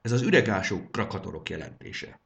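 A man's voice: on the low side, animated, vocal fry, a bit bright. A man voicing a grave, worried chieftain who speaks solemnly. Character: grave, worried leader of a creature folk.

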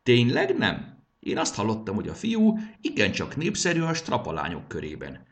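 A man voicing a big gruff creature with a booming laugh and a growling way of talking. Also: wildly swooping pitch. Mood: teasing.

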